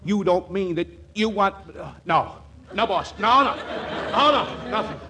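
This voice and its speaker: High-voiced, excitable young sidekick. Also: male voice, a little slow, some chatter behind, exaggerated voice. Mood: panicked. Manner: flustered, stammering, repetitive. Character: excitable, flustered young male sidekick to the boss. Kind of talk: old-time comedy acting. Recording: noisy old comedy soundtrack.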